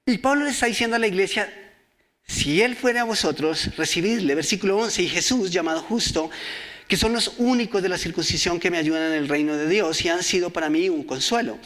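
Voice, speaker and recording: A male preacher delivers a sermon. His voice is bright and sits slightly high. He reads verses aloud and keeps asking the congregation questions. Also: fast talker.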